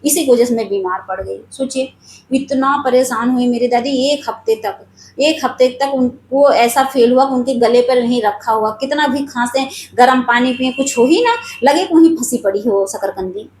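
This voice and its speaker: High-voiced woman telling a personal story. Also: moderate pace, a little mellow, reverberant, a little hiss or hum. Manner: earnest, confiding, speaks straight to viewers. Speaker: spiritual storyteller.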